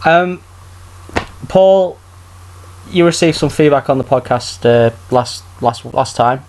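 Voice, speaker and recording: A man's voice: medium pitch, takes it slowly, darkish tone, low-quality recording. A man casually hosting a podcast in a hesitant, understated way. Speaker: podcast host.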